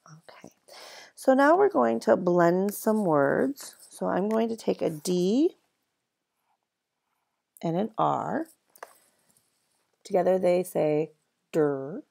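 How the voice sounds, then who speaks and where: This is a first-grade phonics lesson taught by a woman whose voice is on the low side, gravelly and darkish. She draws out each sound in slow, exaggerated sounding-out of letters and words, cheering the children on warmly and cheerfully.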